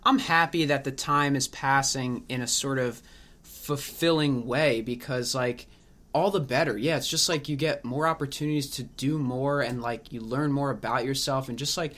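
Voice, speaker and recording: A man's voice: medium pitch, fairly even intonation, moderate pace, fairly bright tone. A man in his late twenties chatting casually and reflectively, full of "like" and "you know what I mean". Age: late 20s. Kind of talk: casual conversation.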